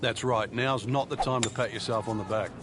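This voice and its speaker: A man's voice: mid-range voice, steady tone, a little fast, over music. A man giving conversational golf commentary as an analyst, chatty and informal in his delivery. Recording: outdoor crowd noise throughout. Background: loud crowd and outdoor ambience.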